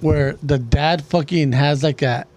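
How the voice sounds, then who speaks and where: Higher-pitched man, sweary bro slang. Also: fairly even intonation, a little slow, darkish tone. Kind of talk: casual chat.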